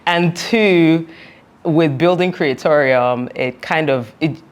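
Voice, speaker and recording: In a low, slow voice, a Nigerian woman, a founder being interviewed, shares reflective stories conversationally. She's sincere, laughs frequently, and uses "like" and "you know" as fillers.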